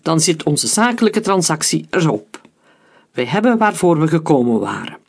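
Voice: medium pitch, sing-song, normal speed, vocal fry, breathy edge, full character voice. A narrator voicing a sneering mercenary boss. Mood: cold. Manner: mocking, relishes cruelty. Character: sneering menacing male mercenary leader. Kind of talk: audiobook character voice.

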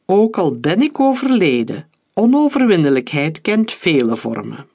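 A narrator voicing a vengeful dead man who speaks slowly and solemnly from a gramophone record. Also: mid-range voice, very animated, gravelly, darkish tone, breathy edge, heavily acted.

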